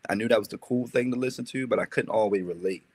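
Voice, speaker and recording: The young rapper from Maryland, USA, speaks fast in a low voice with a breathy edge. In a casual interview he wanders through animated stories, full of filler words and digressions.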